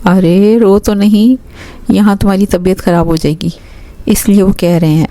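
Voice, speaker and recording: A woman voicing a gentle, affectionate young man in a romance novel, slow and soothing. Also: medium pitch, steady tone, close to an everyday voice.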